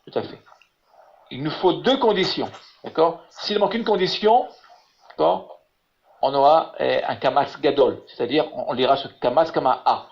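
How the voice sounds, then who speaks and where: A man teaching Hebrew in an online lesson over a video call. He talks haltingly, repeating words and filling with "voilà". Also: fairly high pitch, lively intonation. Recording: muffled lo-fi web call audio.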